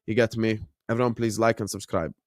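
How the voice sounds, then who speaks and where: A man's voice: on the low side, steady tone, brisk, dry recording, studio quality. A man in his late twenties from the Gulf, hosting a football watchalong live stream with slangy, laid-back chat. He chuckles often and answers viewers directly. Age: late 20s. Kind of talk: casual chat, reacting to a match and reading chat.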